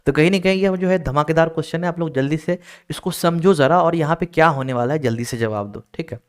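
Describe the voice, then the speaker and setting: A man teaching an online exam-prep reasoning class, explaining each step and keeping students moving with quick check-ins. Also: fairly high pitch, clean tone. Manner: explains step by step, keeps checking with "ठीक है?" and urging students to hurry. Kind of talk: recorded class lecture.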